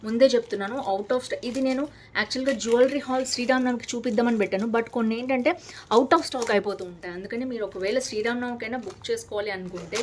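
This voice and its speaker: Fast-talking chatty Telugu woman vlogger. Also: on the high side, a little hiss or hum. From Hyderabad, India. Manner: chatty, enthusiastic, mixes English words into Telugu. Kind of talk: casual product unboxing vlog.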